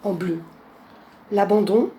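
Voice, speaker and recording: A woman's voice: medium pitch, fairly even intonation, slow, background noise. A woman casually presenting a card deck in a vlog, chatty, with many fillers and frequent laughs. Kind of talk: casual chat.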